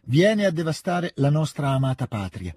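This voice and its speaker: A man's voice: on the high side, big pitch swings, moderate pace, darkish tone, slightly rough, no echo, pitched above the performer's own voice. A man voicing a young woman declaiming solemnly.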